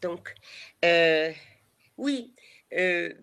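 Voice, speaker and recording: A woman's voice: on the low side, expressive, very slow, creaky, fairly bright tone, clear, resonant tone. A woman from Mexico, whose first language is Spanish, speaking with a Mexican Spanish accent as a chatty, hesitant guide on a live virtual tour over a video call. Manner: chatty, hesitant, many fillers and restarts.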